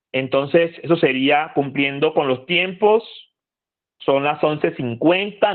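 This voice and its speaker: A man giving a conversational lecture to a youth group, asking the audience questions and repeating phrases for emphasis. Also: fairly high pitch. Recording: tinny phone-like audio.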